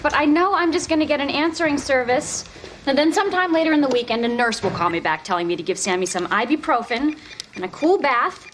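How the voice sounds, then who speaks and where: A dry, sarcastic young mom. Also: female voice, high-pitched, animated, fast, a bit bright, a little hiss or hum. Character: practical, sardonic young mother. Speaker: wife and mother. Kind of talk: sitcom acting.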